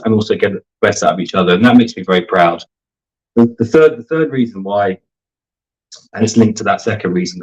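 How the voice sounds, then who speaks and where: Articulate man, somewhat low voice. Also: darkish tone, poor audio. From grew up in Germany, the UK and Canada. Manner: articulate, organized, lists points in order. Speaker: sports marketing team leader, guest. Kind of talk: conversational interview answers.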